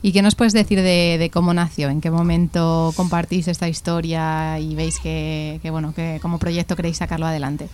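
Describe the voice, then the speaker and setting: A woman with a Spain Spanish accent, asking measured interview questions. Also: deep voice, level tone, darkish tone, slight background noise.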